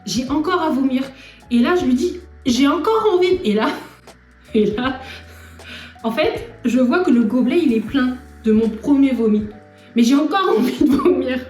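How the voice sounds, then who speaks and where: Animated young woman telling a story. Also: sits high, moderate pace, long pauses. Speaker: vlogger. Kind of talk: storytelling vlog. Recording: echoey room from far off, faint music.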